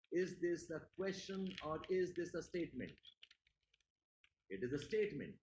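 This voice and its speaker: A man's voice: high voice, darkish tone, roomy sound, a little hiss or hum, low-quality recording. A man with an Indian English accent teaching a class, emphatic, repeating his questions to the students. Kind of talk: classroom lecture.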